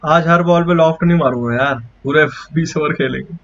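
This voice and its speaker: A man's voice: on the high side, fairly quick, a bit bright. A young man streaming a video game, chatting casually with a friend as he plays. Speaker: live streamer playing a cricket video game. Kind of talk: casual gaming chat with a friend. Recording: dull, muffled lo-fi stream mic.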